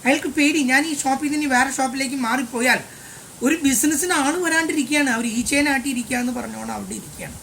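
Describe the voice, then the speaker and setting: A man's voice: very high voice, fast talker, vocal fry, sharp tone, slight background noise. Chatty older man teaching maths. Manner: chatty and digressive, mixing in English phrases. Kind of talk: classroom lesson told as a personal story.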